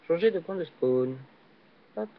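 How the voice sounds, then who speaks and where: A young man casually commenting while he plays a video game, hesitant and full of fillers, with sudden excited yelps on jumps. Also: on the high side, unhurried. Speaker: gaming channel host. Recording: dull lo-fi recording.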